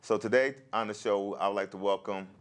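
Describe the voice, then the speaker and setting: A man's voice: lowish voice, brisk. An American man hosting a local talk show, interviewing guests casually with lots of fillers. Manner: relaxed, many fillers and backchannels.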